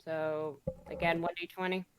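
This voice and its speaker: A woman's voice: fairly low pitch, little pitch movement, moderate pace, smooth, no echo. A woman playing a tabletop game, flustered and talking things through as she checks her sheet. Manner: flustered, searching her character sheet aloud. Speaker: player. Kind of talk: casual tabletop game play.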